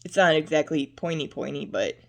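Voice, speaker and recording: Her low, gravelly voice is animated and a little fast as this young adult woman chats to camera. She wanders across topics in a rambling vlog, filling gaps with frequent fillers.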